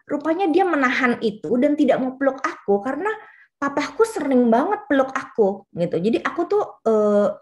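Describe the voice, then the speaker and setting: Woman pastor almost fifty, youth sermon, chatty and personal, bit high voice. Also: darkish tone. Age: 40s. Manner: chatty, personal storytelling with frequent fillers.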